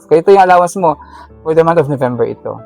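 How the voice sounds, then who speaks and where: Handing out school allowance on her charity vlog, a woman firmly coaches a shy student to speak up, motherly and lecturing in animated casual talk. Her low voice is fast, creaky and a little mellow, with lively intonation. Faint music plays behind.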